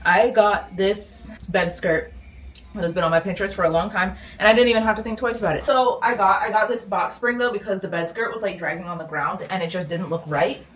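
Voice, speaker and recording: A woman's voice: mid-range voice, steady tone, fairly quick, slight background noise. Chatty young woman vlogging at home. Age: young adult. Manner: chatty, rambling, self-interrupting. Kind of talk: casual vlog chat. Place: home bedroom, indoors.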